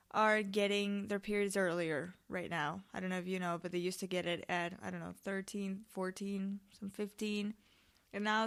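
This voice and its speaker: A woman's voice: medium pitch, a bit bright, clear, resonant tone. A woman hosting a podcast in a casual, chatty way, telling personal stories in informal, rambling, sweary monologue. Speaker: podcast host.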